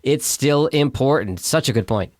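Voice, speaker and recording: A man's voice: mid-range voice, expressive, normal speed, no room sound, clean studio sound. A man in his forties hosting a podcast, chatting casually and telling personal anecdotes. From Michigan. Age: 40s. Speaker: podcast host. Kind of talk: conversational podcast chat.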